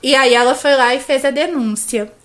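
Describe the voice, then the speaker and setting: A Brazilian woman hosting a podcast conversation, speaking in a measured, instructive way. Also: sits high. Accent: Brazilian Portuguese.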